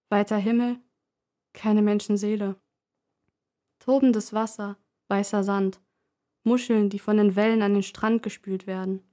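A woman narrating a first-person story in a calm, measured reading voice. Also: medium pitch.

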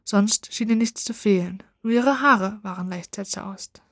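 A woman reading a fairy tale aloud, expressive and dramatic, slowing down for tense moments. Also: mid-range voice, breathy edge, no echo, studio quality. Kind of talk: storybook narration.

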